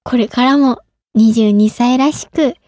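A woman's voice: fairly high pitch, unhurried, darkish tone, no echo, clean studio sound. A woman in her twenties hosting a radio show in casual, giggly talk, often laughing at herself. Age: 20s. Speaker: radio show host and idol.

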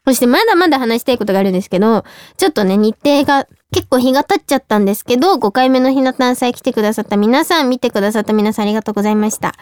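A young woman hosting a radio show in a studio, talking fast and excitedly in a casual chat. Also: fairly high pitch, smooth, no echo. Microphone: studio microphone.

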